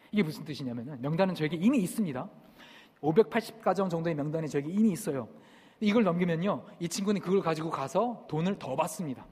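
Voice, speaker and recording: Male preacher, high husky voice, dramatic storyteller, reverberant hall. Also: darkish tone. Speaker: missionary preacher. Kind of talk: sermon testimony.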